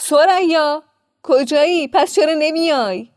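A woman reading a story voices a bitter, irritated adult brother who scolds loudly and sharply, with long reverb on her voice. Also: a little high, expressive, studio quality, voice pushed up, lightly acted. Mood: exasperated scolding. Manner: loud, scolding, exasperated.

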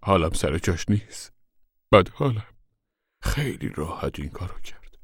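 A man's voice: deep voice, big pitch swings, breathy edge, no echo, clean studio sound, exaggerated voice. A man voicing a sorrowful, guilt-ridden middle-aged man with a weary, heavy-hearted way of pleading.

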